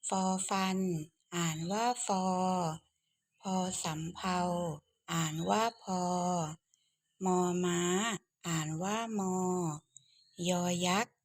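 Slow, careful woman reading letters. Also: lowish voice, fairly even intonation, no echo. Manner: slow, clear, repetitive drill with pauses after each letter. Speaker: teacher. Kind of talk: reading the Thai alphabet aloud for children.

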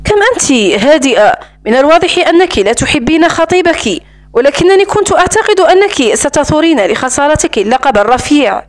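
A woman's voice: high voice, animated, a little fast. A woman reading as a taunting, sarcastic man. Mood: mocking. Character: mocking, cold-blooded man holding a woman captive.

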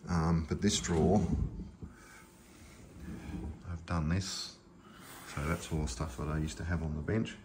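This man's very deep voice stays steady and unhurried, with frequent pauses, as he tours his home kitchen and pantry. He films on a handheld phone amid a noisy background, rambling with fillers and restarts.

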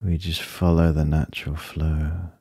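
This breathing meditation is led by a man whose low, mellow voice has a breathy edge. His short, calm phrases come slowly and soothingly, with long pauses in between, captured in studio quality without echo.

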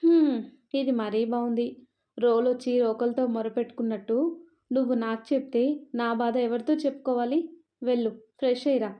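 A woman narrator voicing an exasperated young mother who is sharp-tongued with her sister. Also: a little high, steady tone, normal speed, lo-fi sound, close to an everyday voice.

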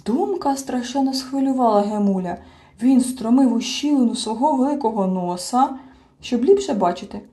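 A woman's voice: a little high, normal speed. A woman reading a children's fairy tale as an audiobook narrator, with faint music behind. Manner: expressive, animated reading. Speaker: storyteller.

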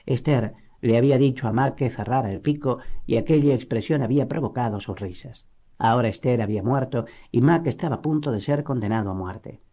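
A man from reading an audiobook novel in a steady, measured way. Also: mid-range voice. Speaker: audiobook narrator. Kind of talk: scripted narration.

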